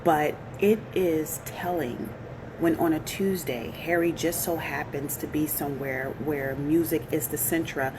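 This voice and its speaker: Low-voiced indignant woman vlogger. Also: steady tone, a little slow, background noise. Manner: indignant, mocking, talks to viewers directly. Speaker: royal news commentator. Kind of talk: casual commentary vlog.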